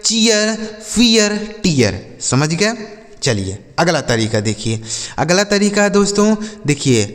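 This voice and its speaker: A man with a somewhat high voice teaching English reading in Hindi. He spells words aloud and checks on his students with repeated questions. The room gives his voice a lingering reverb. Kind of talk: spoken lesson on pronunciation.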